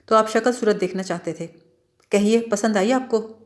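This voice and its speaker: A woman's voice: medium pitch, natural voice. A woman voicing a spirited young woman who is sarcastic and curt in a story read aloud. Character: lively, sharp-tongued young woman, spirited and proud.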